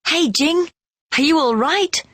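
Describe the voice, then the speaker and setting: A woman voicing a friendly young boy in a camel costume, speaking in an eager, bright, raised voice in a children's storybook reading. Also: high voice, lively intonation, slow, no room sound, studio quality, voice pushed up, heavily acted.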